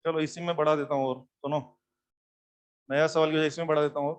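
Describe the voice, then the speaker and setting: High-voiced physics teacher. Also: male voice, brisk. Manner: animated, repeats questions to students. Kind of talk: classroom lecture.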